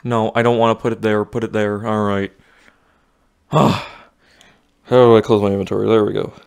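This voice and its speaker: Young male gamer, winded, talks himself through VR play in a lowish voice; self-narrating, exclaiming. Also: level tone, moderate pace, creaky, clean tone. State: out of breath. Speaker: gaming YouTuber. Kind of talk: VR gameplay commentary. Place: home room with desk.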